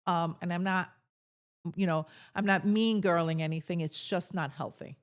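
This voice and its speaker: A woman's voice: lowish voice, fairly even intonation, normal speed, smooth. A middle-aged woman co-hosting a casual talk, speaking in an earnest, emphatic way with frequent restarts. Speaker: podcast co-host. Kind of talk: casual chat.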